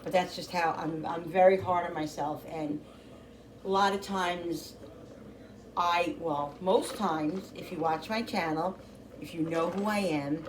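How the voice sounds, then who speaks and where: A woman's voice: on the low side, steady tone, unhurried, background noise. A middle-aged woman hosting a home cooking channel, chatting casually as she cooks, rambling with lots of restarts. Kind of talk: casual chat while cooking.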